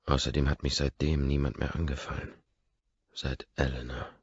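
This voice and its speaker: A man's voice: a bass voice, level tone, moderate pace, breathy edge, no room sound. A man narrating a first-person audiobook in a brooding, intense inner-monologue manner, in a dull lo-fi recording.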